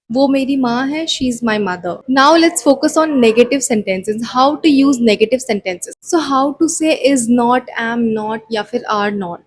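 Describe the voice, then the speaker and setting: A young woman from Delhi with an Indian English accent, a cabin crew member teaching a spoken-English lesson with energetic, emphatic delivery that switches between English and Hindi. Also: a little high, husky.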